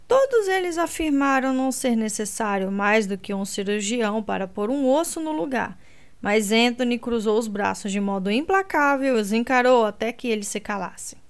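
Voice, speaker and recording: A woman narrating a romance audiobook in a steady, measured way. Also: a little high, clear, resonant tone.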